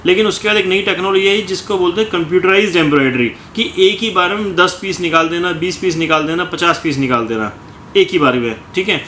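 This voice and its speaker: In an echoey room with a little ambient noise, a man who coaches students delivers motivation through short phrases he keeps repeating, often closing with "ठीक है". He talks fast, in a high voice that sounds pushed and bright.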